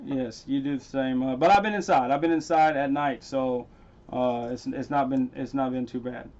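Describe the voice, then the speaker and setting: A man hosting a casual coin-hunting livestream. He talks straight to his chat viewers by name and gets loudly excited over his finds. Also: medium pitch, moderate pace, muffled recording.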